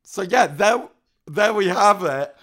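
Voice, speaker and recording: Man, podcast host, casual chat, brisk upbeat delivery, slightly higher voice. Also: animated, a bit bright.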